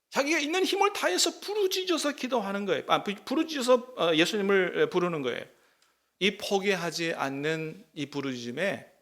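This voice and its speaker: A middle-aged male pastor delivers a sermon in an emphatic way, often stopping to ask his congregation questions. His voice sits high, with a gravelly rasp running through it.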